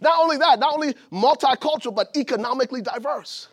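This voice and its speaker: A preacher from Liberia delivers a sermon with a high voice. He builds his points with rising emphasis and at times shouts them out to the congregation. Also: quick pace. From Liberia, West Africa. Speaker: pastor.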